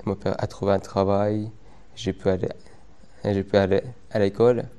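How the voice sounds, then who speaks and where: A man's voice: on the low side, flat delivery, mellow, smooth. Stuttering young man. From Afghanistan. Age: young adult. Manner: stutters, many repeated words and pauses. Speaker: interviewee. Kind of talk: testimony interview.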